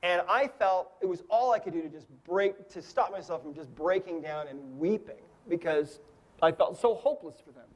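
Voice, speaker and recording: A man in his fifties with a fairly high voice tells a long story as part of a lesson. His talk is relaxed and conversational. He keeps checking in with his listeners with a quick "right?" or "okay?". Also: lo-fi sound. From United States. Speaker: energy healing teacher. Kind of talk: storytelling lecture.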